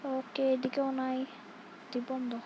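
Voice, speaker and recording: A young Bangladeshi woman streams a horror game, chatting casually with viewers and scolding the game baby between jumpy yelps. Her voice is high, slow, monotone and dark-toned. The audio is poor, with faint noise underneath.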